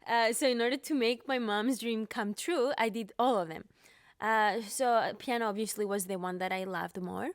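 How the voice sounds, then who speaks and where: A young Greek Cypriot pianist from Cyprus is a guest on a podcast interview, talking with many fillers and restarts. Her voice sits on the high side, steady and at normal speed. The studio-quality recording has no echo.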